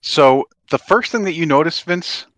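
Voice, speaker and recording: A man's voice: fairly high pitch, lively intonation, normal speed, fairly bright tone, no echo. A man working as game master, explaining and narrating a tabletop game in an informal, conversational way.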